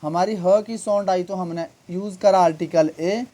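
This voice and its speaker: Mellow-voiced man teaching grammar. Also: high-pitched, normal speed. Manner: patient, repetitive, keeps asking "okay?". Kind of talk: explanatory lesson with repeated check-ins.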